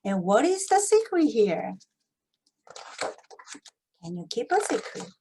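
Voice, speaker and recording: Female English teacher, lively picture-book reader, unhurried delivery. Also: fairly high pitch, a little hiss or hum. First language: Korean. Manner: lively, asks children questions. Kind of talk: demonstrating a picture-book read-aloud.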